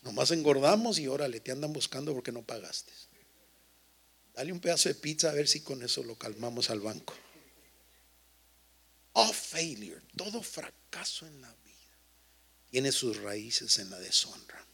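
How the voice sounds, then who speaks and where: Joking bilingual pastor with a gravelly voice. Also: male voice, medium pitch, animated, normal speed, pauses often, a bit bright. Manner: joking, teasing the congregation, switching between Spanish and English. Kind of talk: lively bilingual sermon.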